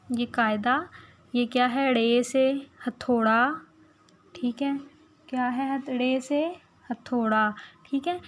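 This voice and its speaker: A woman teaches small children in a recorded lesson. Her fairly high voice moves slowly and patiently, repeating each word and checking with little questions. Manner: slow, coaxing, repeats words and asks little questions. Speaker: playgroup teacher.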